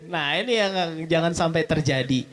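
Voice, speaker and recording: A man with a bright, high-sitting voice leads an animated workshop lecture. He fires off questions to the room and answers them himself, and he keeps things moving with a casual "gitu ya" at the end of his points. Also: moderate pace. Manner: animated, with frequent "gitu ya" tags. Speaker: public speaking trainer. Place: mosque event hall.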